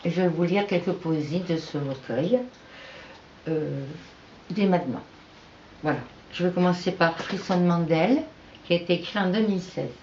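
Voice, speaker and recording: A woman reading her own poetry aloud in an unhurried, measured recitation with pauses between verses. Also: lowish voice, darkish tone, a little hiss or hum. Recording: echoey, dull lo-fi room recording.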